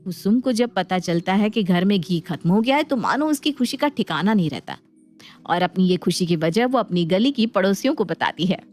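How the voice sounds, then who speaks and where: A woman narrating a cartoon moral story in a steady, scripted way. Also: medium pitch, normal speed. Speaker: narrator and lead voice actor.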